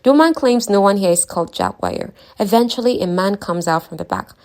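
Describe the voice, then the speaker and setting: A woman's voice: medium pitch, huge pitch swings, fairly quick, a little mellow. A woman casually retelling a fantasy novel's story, chatting to her listeners with offhand asides. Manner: chatty, conversational, talks to listeners. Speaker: book recap narrator.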